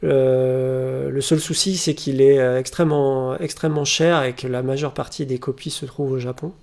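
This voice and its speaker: A man with a gravelly voice at an ordinary pitch talks through his record collection in a casual home vlog. He hesitates often and restarts his sentences. The webcam picks him up at home. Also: steady tone, moderate pace, darkish tone. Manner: hesitant, many fillers and restarts. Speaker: vinyl collector presenting records.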